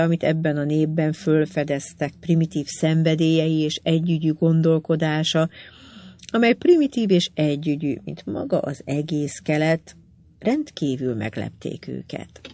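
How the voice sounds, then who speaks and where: An audiobook narrator reading a novel in an even, measured way. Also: mid-range voice, no echo.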